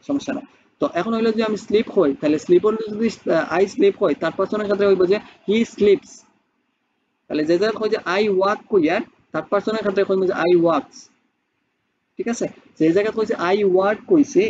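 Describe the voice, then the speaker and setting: Male English teacher, quick high voice, dull recording, faint hiss. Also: a little mellow. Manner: explains step by step, asks rhetorical questions. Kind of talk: spoken English lesson.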